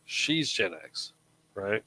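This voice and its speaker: A man's voice: on the low side, animated, takes it slowly, sharp tone, breathy edge, rough recording. A man in his thirties chatting casually on a live show, rambling with frequent restarts. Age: 30s. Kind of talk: casual chat.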